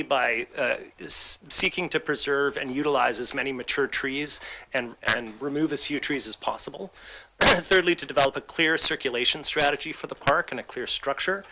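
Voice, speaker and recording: Male architect presenting to council, bright tone, brisk, lots of "uh". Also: mid-range voice, vocal fry, poor audio. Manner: quick and businesslike, with many fillers. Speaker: design lead architect presenting.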